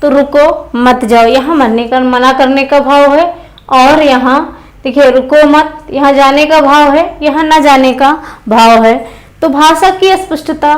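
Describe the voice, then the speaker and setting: A woman teacher's high voice carries an exam-prep grammar lesson. She goes step by step, repeats key phrases for emphasis and asks her students questions before she answers them herself. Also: measured pace, poor audio.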